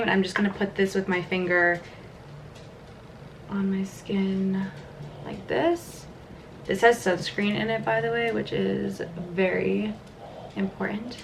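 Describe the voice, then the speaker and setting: Chatty young woman with vocal fry. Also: medium pitch, fairly bright tone, slight background noise. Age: 20s. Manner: chatty, many "like" fillers. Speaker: vlogger. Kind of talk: casual vlog chat during a makeup routine.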